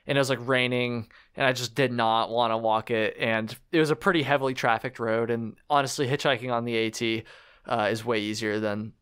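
A young man hosting a podcast, chatting casually in a relaxed, slangy way. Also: mid-range voice, a little fast, clean tone. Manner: relaxed, slangy, laughs easily. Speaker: podcast host. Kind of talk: casual interview chat.

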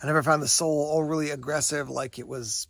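Speaking fast in a fairly bright, high voice with fairly even intonation, an American man in his forties reviews gear casually and without a script. This vlogger, somewhat hesitant, shoots outdoors in the woods, a yard, and a parking lot. There's no echo, but background noise is distinct.

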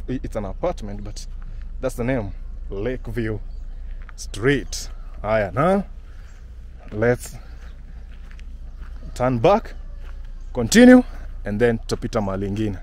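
A man with a Kenyan accent, talking casually and laughing often while he walks a residential street and films on a phone. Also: mid-range voice. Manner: lively, mixes English and Swahili, laughs often. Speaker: vlogger and house-hunting guide. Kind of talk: casual walking vlog.

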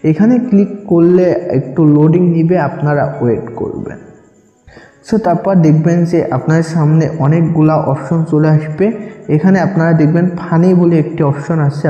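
The recording is lo-fi and reverberant: a man with a Bangladeshi accent and a high, mellow voice talks viewers through an app, giving instructions step by step and repeating them.

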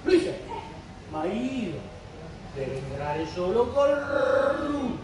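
A man's voice: extremely high pitch, very animated, takes it slowly, very noisy, full character voice. A man acting a playful, teasing man in an amateur stage comedy, heard from far off in a theater. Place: large hall theater stage. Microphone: far camera in the audience. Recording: echoey hall from far off, crowd.

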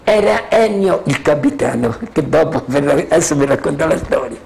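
Speaking at a moderate pace, an older man with a slightly high, gravelly, crackling voice lets his pitch leap up and down as he reminisces in a loose, lively way. He laughs often and keeps asking "capito?" to confirm his listeners are with him, a witness rambling through his memories.

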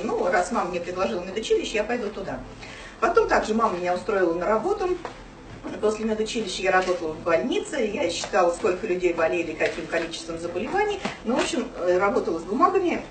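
Woman, thirties, storytelling talk, animated pitch, far from the mic. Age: 30s. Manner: chatty, storytelling with many fillers. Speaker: speaker at a business meeting. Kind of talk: personal story talk to an audience. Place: small office room. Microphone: far camera, no mic. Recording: roomy, distant camera sound.

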